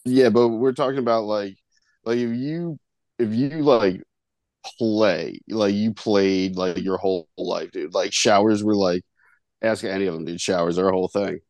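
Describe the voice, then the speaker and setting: A laid-back man with a very low voice co-hosts a casual podcast. His talk is loose and full of "like" and "dude". The recording is close and dry, with no room echo. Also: fairly even intonation, moderate pace, a little mellow. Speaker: podcast co-host. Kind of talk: casual chat.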